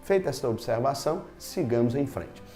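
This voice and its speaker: A man's voice: medium pitch, animated, a little fast, dark tone, soft background music. A man teaching a Bible lesson, explaining each point step by step with emphasis.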